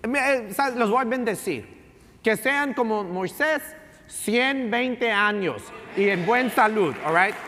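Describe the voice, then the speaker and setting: A pastor preaching a sermon who slips into English phrases, ends many lines with a questioning "right?" and repeats key phrases for emphasis. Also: male voice, high voice, animated, slow pace, sharp tone. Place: church sanctuary. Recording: long church reverb.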